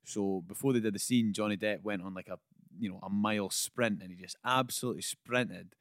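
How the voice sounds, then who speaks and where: Low-voiced man telling long anecdotes. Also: steady tone, a little fast, no echo, studio quality. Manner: explains at length in long anecdotes. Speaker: podcast co-host. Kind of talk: casual podcast chat.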